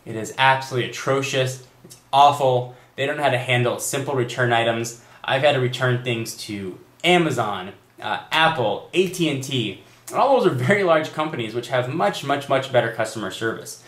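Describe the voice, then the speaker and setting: Young adult male vlogger, exasperated storyteller, average pitch, echoey room sound. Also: animated, moderate pace, a bit bright. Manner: exasperated storytelling, quoting agents in raised voice. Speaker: tech vlogger. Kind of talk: direct-to-camera rant.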